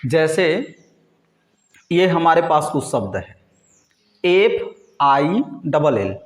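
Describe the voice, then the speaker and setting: A man teaching a class slowly at a board, asking questions and answering them himself, with frequent checks that the class is following. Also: fairly high pitch, sing-song, roomy sound. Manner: frequent "ठीक है" and "है नी" check-ins.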